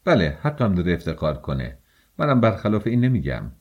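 A bitter, feverish young man, as a male reader voices him speaks scornfully in an audiobook. The voice sits low and dark, often dropping to a quiet mutter. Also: sing-song, lo-fi sound, heavily acted.

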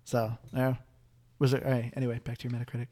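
A man's voice: medium pitch, completely flat delivery, fast talker, dark tone. Chatty young man hosting a podcast. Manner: chatty, laughs often, lots of "like" fillers. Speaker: podcast host. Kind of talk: casual podcast chat.

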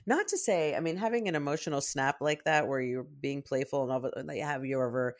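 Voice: medium pitch, a little fast. A podcast co-host who works as a therapist, reflecting and explaining in a casual chat. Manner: reflective, explaining, thinks aloud.

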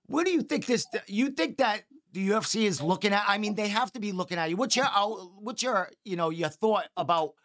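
A man hosting a podcast, asking long, halting questions full of restarts. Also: sits high, animated, fairly bright tone. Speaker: podcast host. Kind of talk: casual interview.

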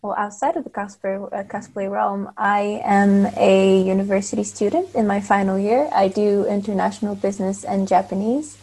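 A woman's voice: mid-range voice, little pitch movement, moderate pace, hardly any pauses, dark tone, slightly rough. A woman in her twenties from Bulgaria, a Bulgarian native speaker talking in English as a guest in a casual interview, friendly and chatty with light laughs. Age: 20s. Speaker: guest cosplayer.

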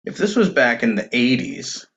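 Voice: medium pitch, expressive, moderate pace, vocal fry, fairly bright tone, dull audio, a little hiss or hum. A podcast co-host in casual discussion, reflective and dryly sarcastic, with many fillers.

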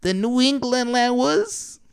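A man's voice: very high-pitched, animated, slow, vocal fry, full character voice. A man putting on an old-fashioned folksy older man who drawls and calls people boy and sir, in comedic improv banter. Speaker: visiting friend.

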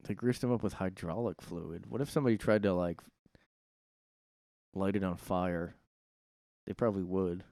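A man with a smooth, clear voice sits in his room hosting a solo podcast, recorded close and dry. He rambles and swears freely, now and then jumping into loud outbursts. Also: deep voice, steady tone, moderate pace, pauses often, dry recording. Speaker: podcast host. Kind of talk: casual solo monologue.

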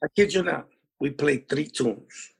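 High, gravelly, husky-voiced man. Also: unhurried. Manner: rambling, full of "you know" fillers and restarts. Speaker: musician recalling band days. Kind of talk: anecdotal storytelling interview.

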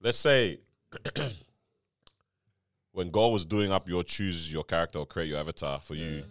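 A man's voice: low voice, steady tone, a little slow, dry recording, clean studio sound. A man co-hosting a podcast in casual group banter, talking in a slangy, jokey way. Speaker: podcast co-host.

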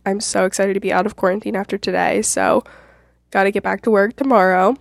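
A woman's voice: mid-range voice, steady tone, fairly quick, vocal fry, dry recording, studio quality. A woman with a congested, nasal voice hosting a casual solo advice podcast, speaking in an informal, rambling and reassuring way. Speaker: podcast host; realtor.

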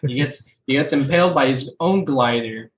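A man's voice: mid-range voice, normal speed. Young male co-host, casual and opinionated, rambles with many fillers, recorded in a roomy space with faint background noise. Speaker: podcast co-host. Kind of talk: casual chat.

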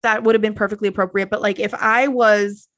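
A young woman co-hosting a casual chat, talking in a chatty, animated way full of "like" and quoted asides. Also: medium pitch, brisk. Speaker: podcast co-host. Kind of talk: casual chat recapping a reality show.

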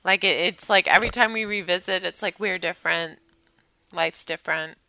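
A woman's voice: lowish voice, normal speed, creaky, pushed and bright, no echo. A woman co-hosting a podcast in casual chat, agreeable and easygoing. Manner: agreeable, frequent yeahs and laughs. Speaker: podcast co-host.

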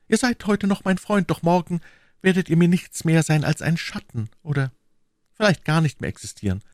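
A man's voice: a little high, very animated, normal speed, dry recording, studio quality, voice pushed up. A man voicing a young musketeer in an audiobook, theatrical and declamatory, swinging between gloom and rapture. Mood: melancholy. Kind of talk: audiobook character voice.

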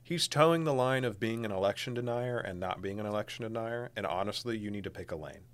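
Emphatic young man with a low voice. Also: quick pace. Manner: emphatic, opinionated, sarcastic. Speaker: podcast co-host. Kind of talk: casual political chat.

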